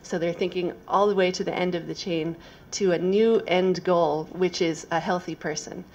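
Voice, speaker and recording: A woman's voice: lowish voice, steady tone, normal speed, a little mellow, lo-fi sound, slight background noise. A woman speaking as a presenter at a conference, explaining her thoughts step by step.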